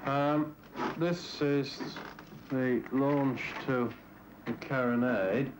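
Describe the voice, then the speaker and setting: A middle-aged man talks his crew through details in an explanatory way. He is very slow, medium in pitch, with clear noise on old film sound. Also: fairly even intonation. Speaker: lifeboat crew official. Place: small wooden boathouse room, indoors.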